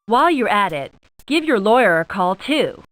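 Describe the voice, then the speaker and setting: A woman playing a sharp-tongued, sarcastic young actress stuck in the jungle, in a video game. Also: medium pitch, big pitch swings, normal speed. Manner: sarcastic, dry jabs.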